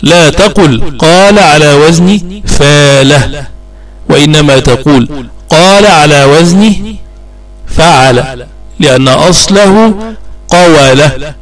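A man's voice: a little high, takes it slowly, pauses often, faint music behind, poor audio. A man teaching a grammar lesson, patiently asking and answering his own questions and repeating the key points.

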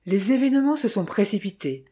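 A woman's voice: medium pitch, expressive, fairly quick, mellow, husky. A woman reading as a worried young clerk. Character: young male clerk, worried amateur detective. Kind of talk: audiobook dialogue reading.

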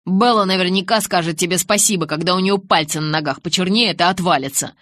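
A brash young male werewolf talks loud and cocky, mocking and snapping at his rival, as an audiobook reader puts him on. His voice comes through dry and close. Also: mid-range voice, animated, brisk, dry recording, lightly acted.

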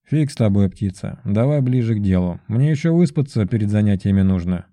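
A man's voice: on the low side, expressive, fairly quick, dark tone, no room sound. A man voicing a cold, threatening young mage student who speaks curtly. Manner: curt, menacing.

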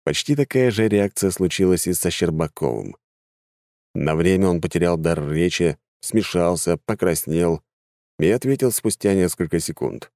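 A man narrating an audiobook in an even, measured storytelling manner. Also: low voice, no echo, studio quality. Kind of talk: scripted narration.

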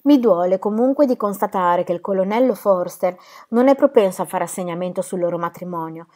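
A woman's voice: mid-range voice, a little fast, a little mellow, lightly acted. An anxious young woman pouring her worries into a letter to her sister, as a woman reads it aloud in an audiobook. The tone is earnest and somewhat raised. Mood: worried.

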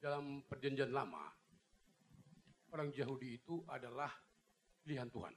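A man's voice: mid-range voice, fairly even intonation, breathy edge. A man from the congregation politely asking the pastor a question about the Bible. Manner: polite, measured. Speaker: audience member asking a question. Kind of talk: question at a church Q&A.

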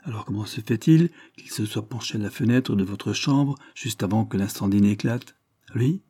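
A man's voice: fairly low pitch, normal speed, dark tone, husky, no echo. A man voicing a stern coroner. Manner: severe, formal questioning. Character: stern middle-aged male coroner.

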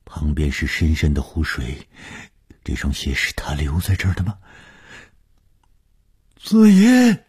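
A man narrating a suspense story for radio, reading dramatically and dropping to a hush in tense passages. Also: extremely low pitch, normal speed, husky.

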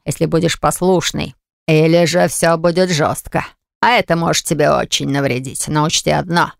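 Reader doing a low slow creepy thug guy, gravelly, sneering. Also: no echo, clean studio sound. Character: menacing crude male thug, smug and threatening.

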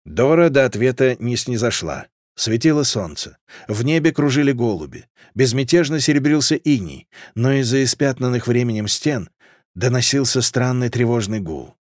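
A man's voice: medium pitch, lively intonation, normal speed, no room sound, clean studio sound. Man reading a fantasy audiobook. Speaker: audiobook narrator. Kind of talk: scripted fantasy audiobook narration.

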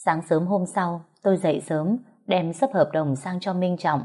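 A woman narrates a first-person story in a calm, even reading voice. Her voice is low and dark, with a mellow tone. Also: measured pace, breathy edge.

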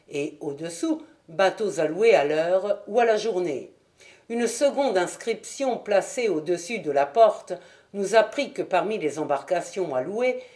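A woman narrating a French audiobook in a steady, clear reading voice. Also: on the low side. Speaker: audiobook reader. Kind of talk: scripted narration.

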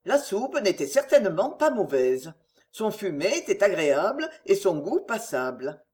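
An audiobook narrator reads a classic novel in an expressive literary style. The pitch moves with lively rises and falls through the sentences. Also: moderate pace. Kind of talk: scripted narration.

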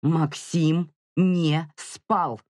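An audiobook narrator voicing a furious, grieving young mother who shouts and accuses, near hysteria. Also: mid-range voice, expressive, measured pace, husky, dry recording, studio quality. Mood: hysterical. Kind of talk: audiobook character reading.

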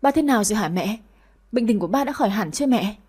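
A woman voicing a spirited young wife and older sister in an audio story, speaking in a husky, slightly high voice. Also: animated, quick pace. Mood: pleading. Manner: warm toward family, bossy when teased.

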